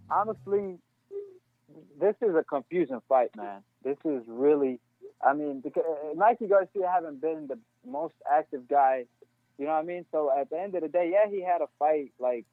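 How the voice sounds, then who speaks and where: A man's voice: a little high, no echo. Man on a tinny phone line, hesitant. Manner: hesitant, searching for words. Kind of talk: casual sports talk.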